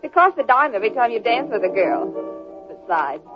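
High girlish naive secretary. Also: sing-song, a little fast. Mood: naive, chatty. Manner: ingenuous, gee-whiz girlishness. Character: cute, naive, chatty young female secretary. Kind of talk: 1940s radio acting. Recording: dull lo-fi old radio recording. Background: music.

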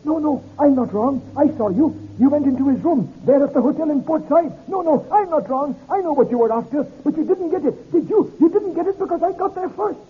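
A man doing a shrill, hysterical, terrified stranger. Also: lively intonation, fairly quick, hardly any pauses. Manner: shrill, panicked pleading. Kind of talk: 1930s radio acting. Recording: lo-fi old radio transcription.

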